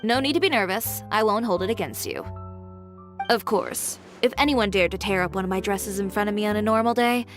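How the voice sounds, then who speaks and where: Over game music, a woman voices a proud, determined young fashion designer who sounds composed, dry, firm and self-assured. Her natural mid-range voice is expressive and fairly quick in this video game performance.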